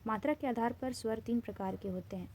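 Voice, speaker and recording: A woman's voice: fairly high pitch, brisk, warm tone, a little hiss or hum. Woman teacher quizzing and answering herself. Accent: Indian. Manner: asks a question then answers it herself, repeats key terms. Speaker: Hindi grammar teacher. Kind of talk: classroom lesson, asking and answering quiz questions.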